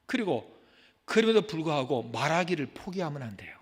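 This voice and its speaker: A man's voice: on the high side, sing-song, brisk, breathy edge. Impassioned male pastor in a reverberant sanctuary. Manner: swings from loud urgent exhortation to hushed, near-whispered pleading. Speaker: senior pastor. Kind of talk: sermon. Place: church sanctuary. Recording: long hall reverb from the sanctuary.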